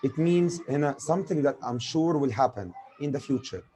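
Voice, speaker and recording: Here a grammar teacher runs through examples briskly, raising questions and supplying the answers himself. He is a man with an Egyptian accent whose first language is Arabic, and his mid-range voice sounds expressive and warm over a faint hiss or hum.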